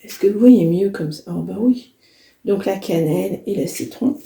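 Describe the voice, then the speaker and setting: A woman vlogger with a hoarse, cracking voice, chatting casually as she demonstrates a recipe in her home kitchen, full of fillers and restarts. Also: medium pitch, moderate pace, dark tone, echoey room, slight background noise. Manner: chatty, many fillers and restarts while working.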